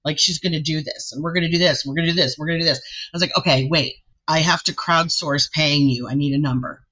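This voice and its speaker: A woman vocal artist being interviewed, telling her story casually and lively, acting out what people said, with a deep, soulful voice. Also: fast, highs cut off. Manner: animated, acts out quoted voices.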